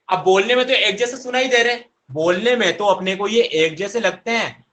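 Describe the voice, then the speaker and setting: In an echoey room, a young man teaches an online grammar class in a high voice that sounds pushed and bright. He speaks directly to his students in a coaxing way, repeatedly asking them questions and then supplying the answers himself.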